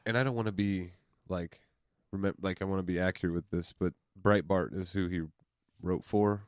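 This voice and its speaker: A man co-hosting a podcast in casual chat, relaxed and joking, often hesitant. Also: sits low, moderate pace, smooth, no echo, studio quality. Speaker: podcast co-host.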